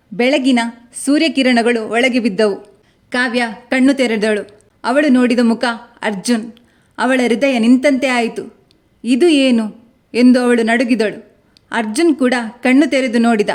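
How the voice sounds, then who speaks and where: A woman with a somewhat high voice tells a dramatic story in steady scripted narration. She stays unhurried and even throughout. She reads the characters' lines in her own natural voice, without putting on separate voices.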